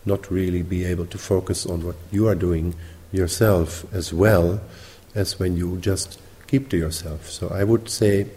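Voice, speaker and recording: A man with a mixed British, Dutch and Sinhalese accent, teaching meditation at a retreat in measured, explanatory phrases with pauses. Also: low-pitched, steady tone, warm tone. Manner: measured, explanatory, pausing between short phrases. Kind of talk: spoken retreat instruction. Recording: reverberant hall.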